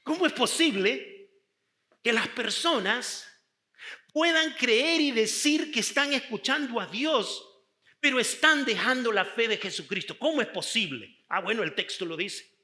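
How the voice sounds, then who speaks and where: A middle-aged male pastor preaching a sermon, emphatic and drawn out, with sudden shifts in loudness. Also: extremely high pitch, animated, a little slow.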